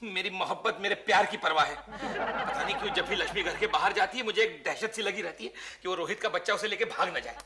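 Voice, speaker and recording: An actor playing a jealous, excitable husband in a sitcom, talking in flustered exclamations. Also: male voice, quick pace, crowd noise, close to an everyday voice. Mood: agitated. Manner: flustered, exclaiming, jumpy pitch. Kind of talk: sitcom acting.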